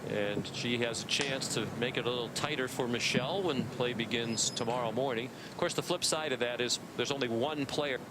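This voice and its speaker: A man's voice: medium pitch, a little fast, hardly any pauses. A man working as a golf commentator, announcing players and hosting broadcast coverage. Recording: loud outdoor ambient noise behind the voice.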